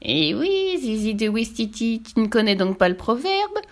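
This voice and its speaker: A woman's voice: on the high side, very animated, moderate pace. A woman voicing a spiteful, bickering witch who hurls silly rhyming insults in a storybook reading. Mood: mocking, spiteful. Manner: spits silly insults in rhymes.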